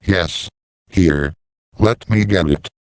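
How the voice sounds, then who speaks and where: Very low, smooth male cartoon voice. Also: slow pace, no echo. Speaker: voice of talking siren characters. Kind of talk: scripted character dialogue for an animated siren story.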